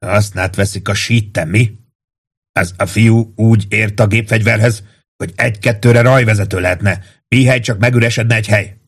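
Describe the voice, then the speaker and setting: A man voicing a laid-back, teasing male first sergeant with an easy, calm way of talking. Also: fairly low pitch, slightly rough. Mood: firm.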